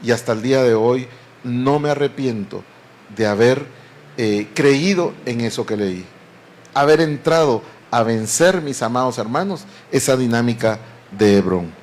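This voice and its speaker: A man's voice: mid-range voice, expressive, a little slow, a little mellow. A man preaching a sermon, earnestly and often addressing the congregation as beloved brethren.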